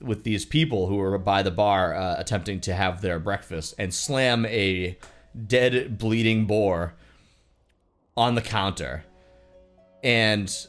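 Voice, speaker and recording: A low-pitched man running a tabletop game, describing the scene with a lively, up-and-down delivery. He stops and restarts often as he searches for words, with faint music in the background. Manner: descriptive, halting with fillers. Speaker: game master.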